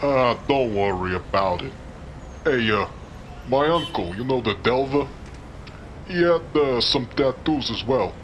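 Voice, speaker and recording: A man's voice: mid-range voice, lively intonation, a little slow, pauses often, slight background noise, close to an everyday voice. A man playing a chummy, dim but friendly street-tough doorman in a noir audio drama, talking in rambling slang. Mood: chatty. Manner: slangy, rambling wise-guy talk.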